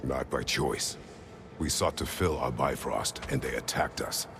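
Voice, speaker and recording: A man's voice: rumbling low, unhurried, creaky, music in the background, full character voice. An actor playing a stern, grim middle-aged warrior god and father, speaking in terse, clipped words.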